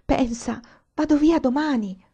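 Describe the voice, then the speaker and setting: A woman's voice: sits high, measured pace, mellow, voice pushed up. A woman reading the lines of an earnest young man in love, pleading and urgent, sometimes whispering.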